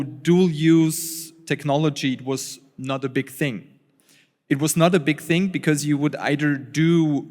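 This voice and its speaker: A man from Austria, speaking as a researcher on a conference panel, halting and full of fillers and restarts. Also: a little high. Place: conference hall. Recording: long reverb of a conference hall.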